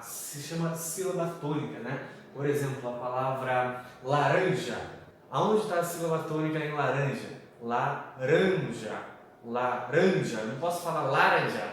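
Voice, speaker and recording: A man's voice: fairly high pitch, distant mic. A man teaching a lesson from slides in a chatty way, with a Brazilian Portuguese accent, often checking in with his students. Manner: chatty, repeats "galera" and "tá?". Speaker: English teacher. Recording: echoey room, voice off-mic, faint background noise.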